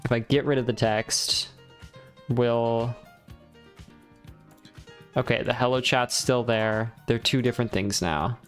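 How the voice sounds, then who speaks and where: A man's voice: mid-range voice, fairly even intonation, slow, pauses often, soft background music. A man streaming live through a headset mic, muttering and rambling to himself while fiddling with his stream setup and swearing when it goes wrong. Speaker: livestreamer. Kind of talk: casual livestream chat while setting up stream software. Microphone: headset mic on a livestream.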